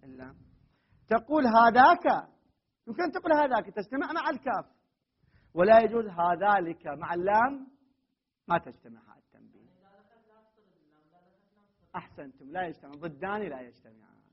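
A man's voice: sits high, lively intonation, brisk, pauses often, husky. A man teaching a grammar lesson to a class, reading a text aloud and often stopping to question and correct his students firmly. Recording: muffled, dull classroom recording.

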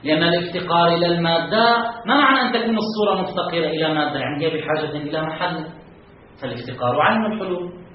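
A man's voice: on the high side, very fast, a little hiss or hum. A man teaching a philosophy lesson, walking through an argument and asking rhetorical questions that he then answers himself, with stress on the key terms. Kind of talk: classroom lecture explaining a text. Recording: echoey, distant, muffled room recording.

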